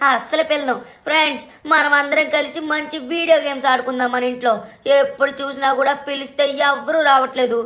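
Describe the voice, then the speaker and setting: Brief: a cheeky, theatrical little cartoon boy, voiced by a woman, high-pitched, chattering and exclaiming. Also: fairly bright tone. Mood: sulky. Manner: chatty, exclamatory, self-talking. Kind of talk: cartoon fan dub over gameplay.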